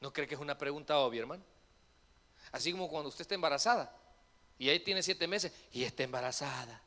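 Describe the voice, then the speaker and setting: A male pastor preaching a sermon in a church, animated and asking the congregation questions. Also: a little high, fast. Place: church sanctuary. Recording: reverberant church hall.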